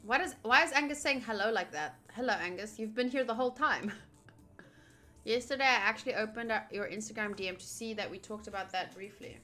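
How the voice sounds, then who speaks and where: Slightly high and brisk, with a sharp tone, a woman streams herself playing a visual novel. She reads game text out loud, reacts to it and to viewers in casual chat, and game music runs underneath.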